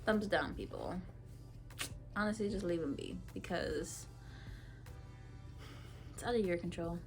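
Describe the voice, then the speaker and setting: A woman's voice: fairly low pitch, lively intonation, unhurried, darkish tone, faint music behind. A woman from Ethiopia giving a casual tarot reading to camera, talking frankly in a chatty way with many fillers. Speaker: tarot reader.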